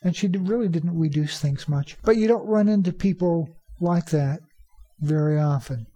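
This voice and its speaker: A native English speaker teaching teachers about pronunciation, repeating key phrases for emphasis and slowing down to demonstrate. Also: mid-range voice, dark tone. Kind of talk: instructional talk.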